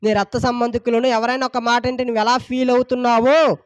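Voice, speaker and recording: A man's voice: very high voice, flat delivery, a little fast, clean tone, dry recording. A male pastor delivering a sermon, repeating phrases with rising and falling intensity. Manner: emphatic, repetitive preaching with rising and falling intensity.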